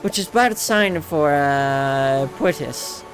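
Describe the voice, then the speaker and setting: A man's voice: a little high, animated, slow. Man doing a wistful teenage poet girl, music behind. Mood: uneasy. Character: teenage girl, wistful poet missing her best friend.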